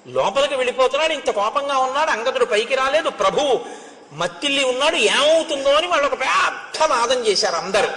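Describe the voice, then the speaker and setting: A man's voice: very high-pitched, expressive, a little fast, pushed and bright. A man giving a devotional storytelling discourse, retelling scenes expressively and chanting Sanskrit verses before explaining them. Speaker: religious discourse speaker. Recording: echoey hall with long reverb.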